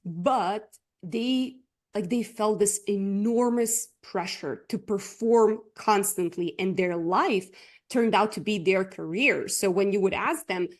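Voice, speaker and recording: A Croatian woman, speaking English as a guest coach on a podcast, chats casually through the interview with lots of fillers and frequent laughter. Her voice is mid-range and her pace slow.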